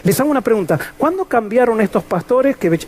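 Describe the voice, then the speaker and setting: High-voiced emphatic man preaching a sermon. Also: expressive, a little fast, background noise. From Latin America. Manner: earnest, emphatic preaching with rhetorical questions. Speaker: pastor.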